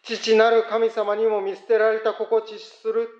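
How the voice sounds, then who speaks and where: A man's voice: sits high, monotone, measured pace, darkish tone, roomy sound, muffled recording. A man, a pastor, leading a prayer and then preaching in an earnest, reflective way. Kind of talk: prayer and sermon.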